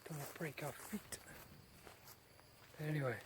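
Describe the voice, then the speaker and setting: Guy doing a casual garden walkaround vlog, voice a bit high, rambly with pauses, some faint nature noise behind. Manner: unscripted, pausing between short phrases. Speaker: gardener giving a tour. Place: outdoors in a large rural garden. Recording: noisy outdoor recording with nature sounds.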